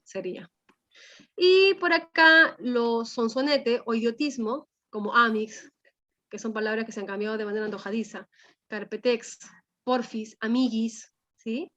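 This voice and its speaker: A woman teacher with a fairly bright, high-leaning voice lectures her class on a language lesson, often tacking on tag questions to check in with students. The recording has a dull, lo-fi sound.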